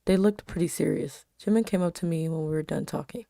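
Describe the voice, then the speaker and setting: Low, creaky-voiced woman reading aloud, slightly embarrassed. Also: fairly quick, warm tone, dry recording, studio quality. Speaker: amateur author reading own old stories. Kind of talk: reading aloud own fan fiction with casual asides.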